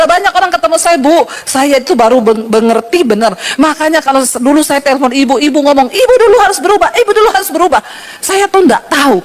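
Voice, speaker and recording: A middle-aged woman pastor, preaching a sermon with animated storytelling, acting out the people in her stories and teasing the congregation. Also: high voice, slight background noise.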